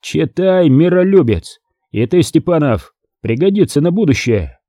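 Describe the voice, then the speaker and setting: A man reading an audiobook, voicing a furious, foul-mouthed middle-aged army battalion commander who shouts and bullies. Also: on the high side, sing-song, moderate pace, dry recording, clean studio sound, pitched above the performer's own voice. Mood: mocking. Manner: shouting, swearing, bullying.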